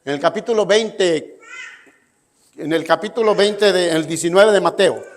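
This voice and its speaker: High-voiced preacher man in a reverberant hall. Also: normal speed. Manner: emphatic, asks listeners "¿sí?" often. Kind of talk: sermon.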